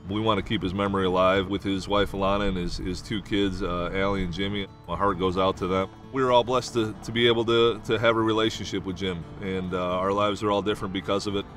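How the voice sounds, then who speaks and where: A man speaking sincerely and haltingly in an interview. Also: on the low side, steady tone, a bit bright, faint music behind. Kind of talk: interview testimony.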